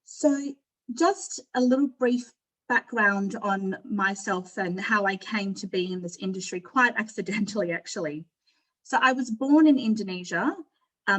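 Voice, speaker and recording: Her medium-pitched, somewhat bright voice moves at a moderate pace as the middle-aged Australian woman gives a conversational, candid personal presentation by video call. She's on a panel at an online forum, and the recording is rough.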